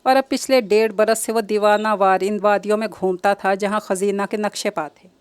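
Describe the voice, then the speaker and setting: A woman's voice: mid-range voice, steady tone, clear, resonant tone, no echo. A woman reading an emotional novel aloud in scripted audiobook narration, with dramatic, emotive delivery.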